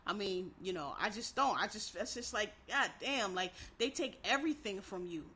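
A woman's voice: medium pitch, animated, moderate pace, sharp tone, slight background noise. A woman talking in a casual opinion monologue as a podcast host, blunt, profane and heated, with emphatic repeated restarts.

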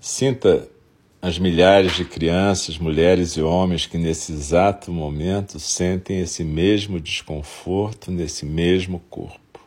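Speaking with a Brazilian accent, a man guides a compassion meditation softly, gently and soothingly. His voice is breathy, husky and sits low, and he leaves long pauses as he goes.

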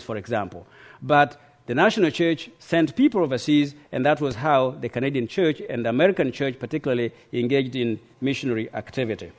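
A middle-aged man gives a formal lecture as a mission historian, speaking in a measured, deliberate way with frequent hesitations. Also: a little high.

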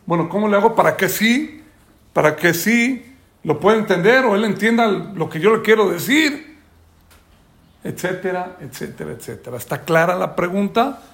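High-voiced rabbi telling stories. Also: male voice, moderate pace. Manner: animated storyteller, acts out characters' lines. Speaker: rabbi teaching a weekly Torah class. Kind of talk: sermon with storytelling.

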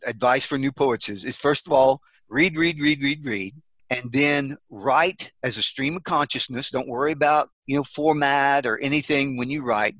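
A man's voice: medium pitch, fairly bright tone, no room sound. A man hosting a podcast interview, affirming and summing up his guest's points. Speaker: podcast host. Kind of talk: interview conversation.

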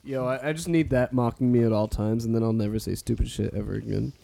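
A man's voice: mid-range voice, steady tone, fast, vocal fry, dark tone. A young man co-hosting a podcast, chatty and rambling, laughing often and swearing casually. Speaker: podcast co-host. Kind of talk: casual chat.

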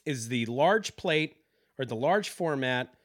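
A man's voice: mid-range voice, expressive, takes it slowly, a bit bright, no room sound, studio quality. A man co-hosting a casual talk show, complaining in an irritated, profane way. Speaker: podcast co-host. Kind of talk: casual chat.

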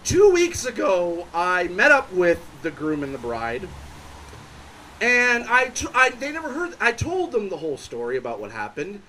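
Animated, rambling young man telling a story on stage. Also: high voice, normal speed, slight background noise, rough recording. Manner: rambling, self-interrupting, animated. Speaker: stand-up comedian. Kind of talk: stand-up storytelling. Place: bar stage, live show.

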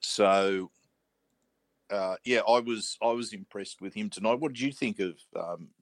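A man's voice: fairly low pitch, unhurried, no echo. A man co-hosting a podcast, chatting casually about a match with many restarts and trailing phrases. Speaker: podcast co-host. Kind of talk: casual sports chat.

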